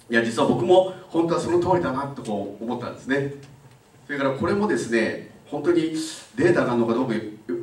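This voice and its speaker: An older man giving a public lecture in a conversational way, pausing often with filler sounds. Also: mid-range voice. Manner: conversational, frequent filler pauses. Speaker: guest lecturer. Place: lecture room. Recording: roomy, mic at a distance.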